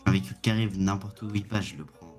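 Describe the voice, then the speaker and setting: A man's voice: sits low, steady tone, very fast, darkish tone, soft background music. A man in a role-play game, speaking casually with fillers and restarts. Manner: casual, hesitant, lots of fillers. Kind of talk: in-character voice chat.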